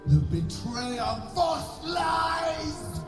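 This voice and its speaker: A woman's voice: lowish voice, sing-song, drawn-out words, reverberant, music in the background, crowd noise, full character voice. An actress playing a tyrannical, menacing undead god-queen in a fantasy video game, with a grandiose, commanding delivery. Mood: outraged.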